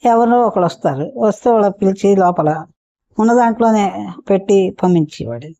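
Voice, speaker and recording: A woman's voice: medium pitch, normal speed, dark tone, dry recording. A woman storyteller telling a folk tale for children in a homely, repetitive, chatty way. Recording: dull muffled recording.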